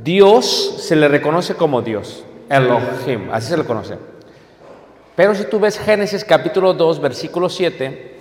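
Guy teaching a class, takes it slow, keeps checking everyone's following, big hall echo. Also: fairly high pitch, lively intonation, darkish tone. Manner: explains step by step, checks in with listeners. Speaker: teacher of biblical Hebrew. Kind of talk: classroom lecture. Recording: long hall reverb.

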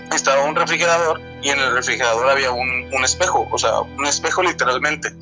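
A man in his twenties with a Mexican accent, telling a true encounter in a halting, repetitive way, often restarting his words. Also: medium pitch, bright, forceful tone, faint music behind, poor audio. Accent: Mexican Spanish. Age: 20s. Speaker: storyteller sharing a true encounter. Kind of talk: casual spoken testimony.

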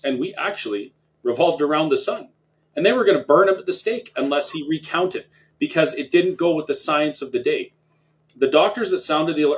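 Earnest, fairly high-voiced male host. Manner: earnest, building to forceful declarations. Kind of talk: talk-show discussion.

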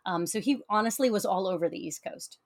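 A woman's voice: mid-range voice, fairly quick. A woman speaking as an interview guest, explaining conversationally and often repeating words as she goes. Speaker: podcast guest, author and tour guide.

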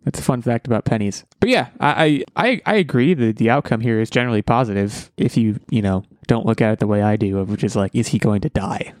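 A man's voice: on the low side, quick pace, hardly any pauses, darkish tone, dry recording. A man hosting a podcast in casual chat, rambling and joking with lots of fillers and restarts. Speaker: podcast host.

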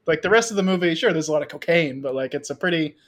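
Slightly high-voiced male podcast guest. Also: animated, quick pace. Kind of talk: casual film discussion.

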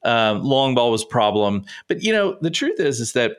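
Chatting solo on his sports podcast, this host and sports writer wanders from thought to thought and cuts himself off mid-sentence. His smooth, mid-range voice swings widely in pitch at a normal pace, with slight congestion and occasional sniffling.

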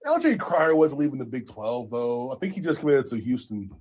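Husky-voiced man chatting sports. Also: medium pitch, sing-song, a little fast, a little mellow. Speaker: podcast co-host. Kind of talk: casual sports chat.

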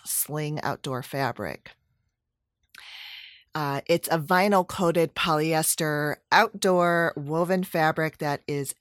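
A woman's voice: low voice, no echo, clean studio sound. A woman chatting casually about a home project, rambling with fillers and self-corrections. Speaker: DIY vlogger. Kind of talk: casual chat.

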